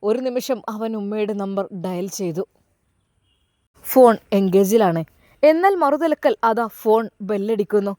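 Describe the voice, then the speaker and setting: A woman's voice: mid-range voice, measured pace, dark tone, dry recording, studio quality. A woman narrating a dramatic story with emotive, suspenseful delivery.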